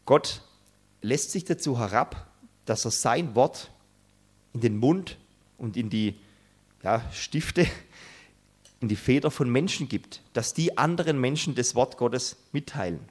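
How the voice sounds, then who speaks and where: A man preaching a sermon, earnest and emphatic, building his points with dramatic pauses. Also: medium pitch, animated, breathy edge.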